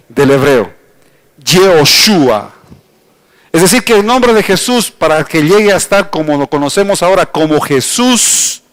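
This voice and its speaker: Pastor, man, middle-aged, Ecuadorian accent, high-pitched, explains patiently from the pulpit. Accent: Ecuadorian Spanish. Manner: explanatory, addresses the congregation directly, slows to spell out words. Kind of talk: teaching sermon. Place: church hall.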